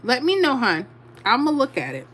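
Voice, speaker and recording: A woman's voice: high voice, wildly swooping pitch, moderate pace, a bit bright, slight background noise. A middle-aged woman from Louisiana hosting a livestream, chatting casually and laughing as she reads comments. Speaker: livestream host.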